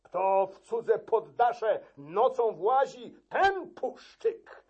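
A man voicing an old male castle key-keeper, fiery and defiant, shouting indignantly in a dramatic verse reading. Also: high-pitched, very animated, extremely slow, husky, highs cut off, voice pushed up, full character voice.

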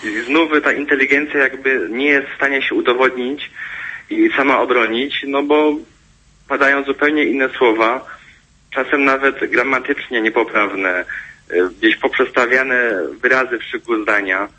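A man appearing as a guest expert in a radio interview, explaining in a measured way. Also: medium pitch, steady tone, bright, forceful tone, husky. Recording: dull radio broadcast sound.

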